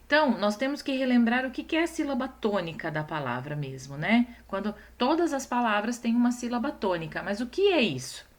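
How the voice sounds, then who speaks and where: Patient teacher, stretching out syllables slowly. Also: female voice, a little high, lively intonation. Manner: patient, slows down to stress syllables, asks "certo?" often. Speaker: primary school teacher. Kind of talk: recorded class lesson for children.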